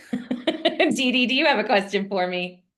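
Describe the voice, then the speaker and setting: A woman's voice: fairly high pitch, animated, slow pace, a bit bright. A woman hosting a casual monthly video call for notaries, chatty and frank, with frequent ums.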